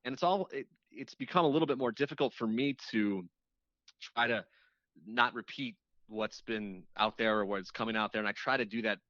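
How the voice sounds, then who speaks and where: A radio show host, here appearing as an interview guest, talks casually in a mid-pitched, slightly bright voice at a moderate pace, circling back to rephrase as he explains. The sound is dry and somewhat dull, like a muffled lo-fi connection, with no room sound.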